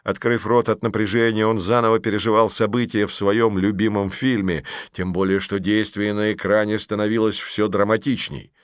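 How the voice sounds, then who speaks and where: A man narrating a humorous children's story in a lively, expressive way. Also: fairly low pitch, normal speed, hardly any pauses, clean tone, no room sound, clean studio sound. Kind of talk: storybook reading.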